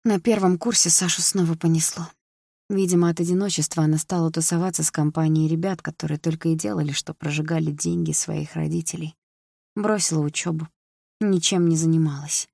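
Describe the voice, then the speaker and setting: A woman narrating a novel as an audiobook, in an even, measured reading. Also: sits low, gravelly, dry recording, studio quality.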